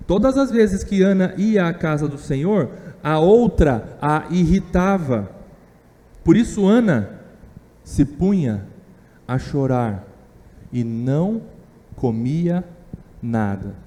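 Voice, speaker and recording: Man, Brazilian Portuguese accent, Bible class teacher, slightly high voice, very slow, emphatic, rhetorical questions. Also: lively intonation, warm tone, in a large hall. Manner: emphatic, repeats key phrases, asks rhetorical questions. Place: church hall.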